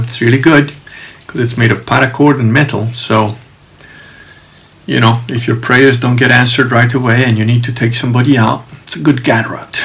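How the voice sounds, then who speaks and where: A middle-aged man talking in a casual, halting video diary, reflective and informal as he rambles. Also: mid-range voice, a bit bright. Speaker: video diarist.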